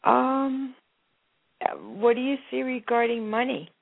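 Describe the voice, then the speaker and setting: A woman's voice: sits high, fairly even intonation, slow, vocal fry. A woman phoning in to a radio show, giving brief, hesitant answers over a fuzzy line. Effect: phone call into a radio show. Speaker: caller. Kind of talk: call-in radio chat. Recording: fuzzy, tinny phone line.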